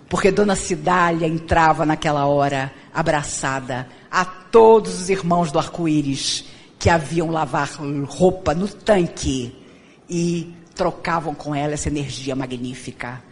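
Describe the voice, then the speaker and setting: A woman delivering a spiritist lecture as a storyteller, her pitch rising and falling widely as she acts out each quoted voice. Her words carry a long reverb, recorded in a lecture hall. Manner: dramatic retelling, acting out quoted voices.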